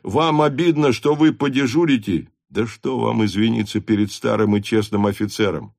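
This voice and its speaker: A man voicing a gruff older male cavalry staff captain who earnestly scolds a young officer. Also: lowish voice, moderate pace, a little mellow, no room sound, studio quality. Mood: reproachful.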